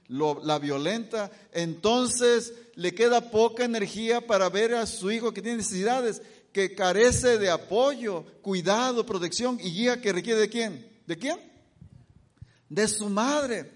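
A middle-aged man with a Mexican Spanish accent giving a health talk in a church, asking his listeners questions and answering them himself. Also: high-pitched. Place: church hall.

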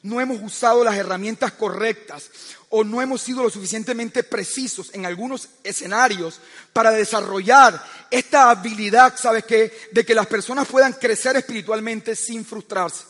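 High-voiced male preacher in a reverberant hall. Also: normal speed, a bit bright. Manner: storytelling, often asks the listeners "¿sabes qué?"; frequent stammered restarts. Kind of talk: sermon.

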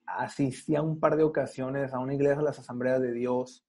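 A man's voice: medium pitch, fairly even intonation, brisk, dark tone. A young Mexican man with a Mexican Spanish accent, a podcast guest telling his story casually with slang and acted-out quotes. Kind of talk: casual testimony.

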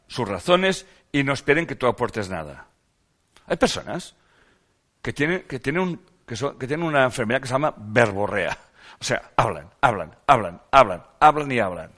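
A man's voice: mid-range voice, sing-song, moderate pace, a bit bright. Spanish man giving a self-help talk. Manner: rhetorical questions, repetitions for emphasis. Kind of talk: reflective talk reading from a text.

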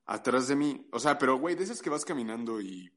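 A man's voice: mid-range voice, fast. A young man with a Mexican accent, telling a story in casual podcast chat with lots of swearing. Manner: swears a lot, animated storytelling. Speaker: podcast host.

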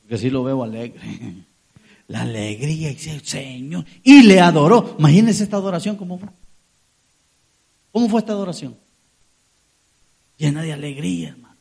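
A male pastor preaches with a high, husky voice whose pitch swings all over. He speaks straight to the congregation with questions and briefly plays the people in his examples. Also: normal speed, long pauses. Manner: lively, talks to the congregation, acts out quoted voices. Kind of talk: sermon.

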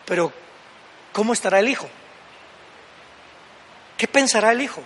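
A man's voice: high-pitched, animated, normal speed, a bit bright, long reverb tail, slight background noise. An older man preaching a sermon as pastor, fervently acting out the voices he quotes. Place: church.

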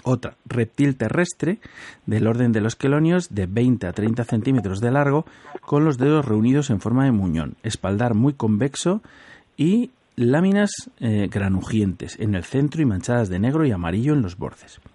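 Man, radio host, dark husky voice, dry close sound, chatty, laughs a lot. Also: medium pitch, lively intonation, moderate pace, no echo. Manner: chatty, laughs often, explains word origins. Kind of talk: casual radio chat.

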